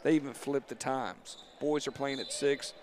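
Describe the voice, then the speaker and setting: A man calling a local high school basketball game in a rambling, chatty way with many restarts. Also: normal speed. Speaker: play-by-play commentator. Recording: noisy gym ambience.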